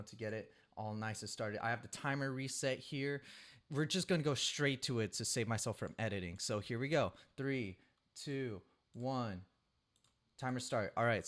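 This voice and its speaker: Rambling man talking through his editing. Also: medium pitch. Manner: rambling, loses count and corrects himself; talks himself through each editing step. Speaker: creator recording his own sound-design challenge. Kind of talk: casual vlog talk over screen work.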